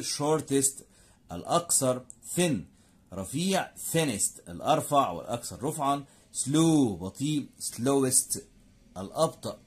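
A man with an Egyptian Arabic accent teaching an English grammar lesson, saying each word in English and then in Arabic and asking and answering his own questions. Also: medium pitch. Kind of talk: classroom lesson explaining grammar.

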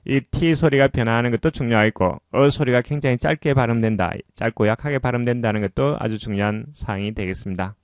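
A man teaching English pronunciation, explaining patiently and often pausing with "자" between points. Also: medium pitch, no echo, studio quality.

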